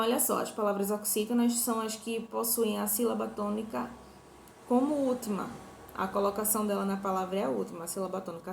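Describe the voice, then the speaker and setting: A woman's voice: medium pitch, creaky. A young woman teaching a review lesson to primary school children, patient and repetitive, checking in with her listeners often. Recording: echoey room, faint hum.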